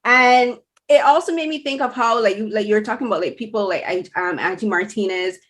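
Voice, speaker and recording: A woman from Barbados hosts a casual interview in a mid-pitched voice. She talks in a chatty, winding way, often restarting and rephrasing as she works toward her question. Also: brisk, a bit bright. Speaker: interviewer host.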